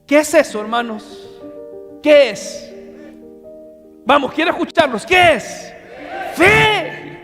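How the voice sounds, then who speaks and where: A man's voice: extremely high pitch, lively intonation, slow pace, pauses often, a bit bright. A man, a pastor giving a sermon and telling a personal testimony, acting out dialogue and calling to the congregation. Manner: storytelling, acts out dialogue, calls to congregation. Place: church hall. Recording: reverberant church hall with music.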